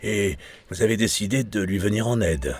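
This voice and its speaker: A man reading the part of a calm, probing male French police inspector, asking measured, polite questions. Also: lowish voice, soft background music, natural voice. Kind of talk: audiobook character reading.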